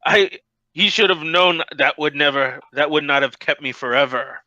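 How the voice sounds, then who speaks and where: A man's voice: on the high side, normal speed, sharp tone, no echo, highs cut off. A man voicing a vengeful, grandiose ancient being newly set free, in a tabletop role-playing game. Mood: scornful, menacing. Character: scornful ancient being released from smoke, vengeful, menacing.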